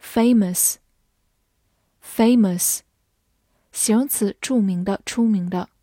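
A woman reading a vocabulary list slowly, saying each word twice before its meanings. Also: medium pitch, warm tone, no echo, clean studio sound. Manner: slow, deliberate, repeats each word twice. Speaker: vocabulary reader. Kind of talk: slow word-list drill.

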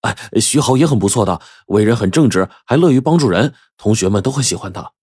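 An earnest young male student, voiced by a male storyteller, polite and grateful in tone. The low voice moves with a lively rise and fall. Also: fast talker, slightly rough, no room sound, clean studio sound.

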